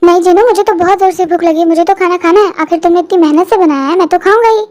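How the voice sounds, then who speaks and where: High-voiced reader doing a cheerful young man. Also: steady tone, quick pace, darkish tone. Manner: cheerful, agreeable.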